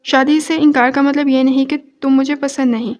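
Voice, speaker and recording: Audio novel: bubbly young career woman, slips into English, high voice, read by a woman. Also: flat delivery, darkish tone, highs cut off, close to an everyday voice. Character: lively young office woman, touchy.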